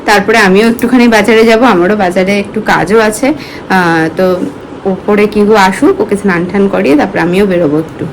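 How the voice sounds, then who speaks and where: A woman's voice: medium pitch, a little fast, gravelly, a little hiss or hum, poor audio. A woman, talking casually through her daily routine in a home vlog. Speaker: vlogger.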